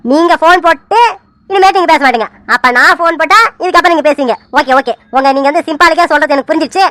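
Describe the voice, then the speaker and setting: A woman voicing a teasing man who chats on the phone in an animated serial, full of mock fear and pleading. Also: high voice, rapid-fire, no echo. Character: man called Surya sir on the phone, teasing. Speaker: cartoon character.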